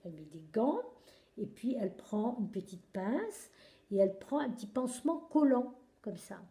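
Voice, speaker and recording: Animated woman telling a kids' story. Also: a little high, moderate pace. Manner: animated, expressive, searching for words. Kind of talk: improvised children's story telling. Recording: echoey room.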